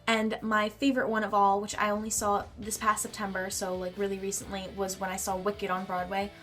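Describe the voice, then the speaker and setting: Soft background music accompanies this teenage vlogger as she chats through a tag video in her bedroom. Her medium-pitched voice is stuffy and nasal from a cold, fairly bright and a little fast, and though she sounds bubbly, her delivery stays monotone.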